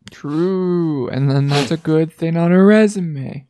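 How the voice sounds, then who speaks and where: A livestream host chats casually with a guest, sounding informal and encouraging and tossing in the interjection "man." The voice is medium-pitched, slow, and mellow.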